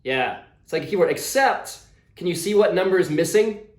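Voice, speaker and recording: Over a roomy, echoey video call, a man with a high, expressive voice talks a little fast. He is a visiting author explaining things to schoolchildren in a casual, enthusiastic way.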